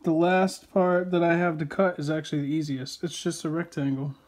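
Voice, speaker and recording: At home in his living room, a young vlog host chats casually and jokes easily in easygoing banter. His voice is on the high side, fairly even and a little mellow, and he speaks briskly over background music.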